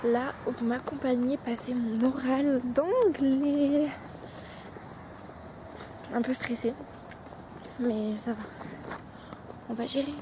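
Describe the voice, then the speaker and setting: Chatty high-voiced young woman vlogger. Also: steady tone, slow pace, long pauses, noisy background. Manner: chatty, talks straight to viewers, often drops to a whisper. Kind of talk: casual day-in-the-life vlog. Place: outdoors and at home, moving through the day.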